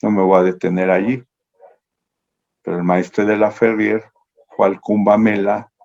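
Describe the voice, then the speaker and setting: Male lecturer on a video call. Monotone, low-pitched, meandering delivery that keeps circling back to correct itself. Dull lo-fi call audio. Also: a little slow, vocal fry. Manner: meandering, self-correcting storytelling.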